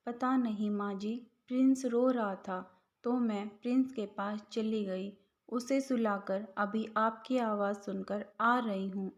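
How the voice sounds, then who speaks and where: A woman's voice: medium pitch, fairly even intonation, slow pace. A woman voicing a dutiful, respectful young daughter-in-law and mother in a storybook tale, on a slightly dull recording. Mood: polite.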